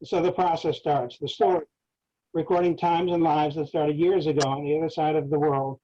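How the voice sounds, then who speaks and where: Mellow man reading his memoir aloud. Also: a little high, fairly even intonation, slight background noise. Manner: measured reading aloud with asides. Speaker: author. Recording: dull lo-fi recording.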